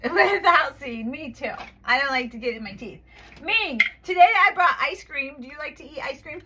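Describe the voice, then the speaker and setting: A woman, an online English teacher, talking calmly to viewers and then teaching a young child in slow, exaggerated, cheerful speech from her home at night. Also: high voice, a little hiss or hum.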